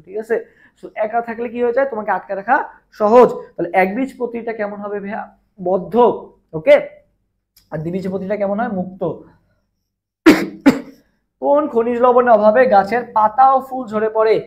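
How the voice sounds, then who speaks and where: A man's voice: high-pitched, highs cut off. A young man from Bangladesh teaching a live online biology revision class, repeating questions and answers and asking viewers to comment.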